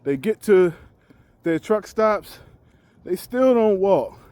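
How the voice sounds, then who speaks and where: A man in his forties who drives trucks talks candidly and reflectively in a casual vlog recorded on a walk, often restarting sentences as he thinks aloud. His voice sits high and mellow, with lively intonation and a slow pace. The tone is clear and resonant, with no room sound.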